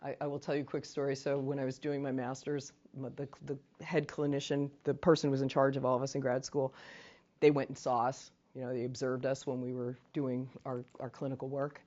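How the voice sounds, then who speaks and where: A woman's voice: rumbling low, a little fast, highs cut off. A woman leading a training session, talking in a chatty way and telling stories with asides. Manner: chatty, animated storytelling with asides. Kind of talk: casual training lecture. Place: meeting room.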